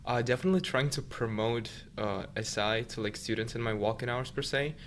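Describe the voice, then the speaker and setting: This is a fairly quick, medium-pitched male voice with slight noise in the background. The speaker, a young Uzbek man who grew up speaking Russian, tutors students and is a guest on a podcast. His interview talk is casual and easygoing, sprinkled with "like."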